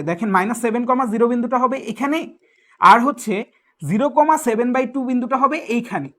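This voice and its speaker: A man's voice: very high-pitched, a bit bright. A young man, teaching a live math class. He asks the students questions, answers them himself and repeats the steps. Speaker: math tutor. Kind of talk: live online exam-prep math class.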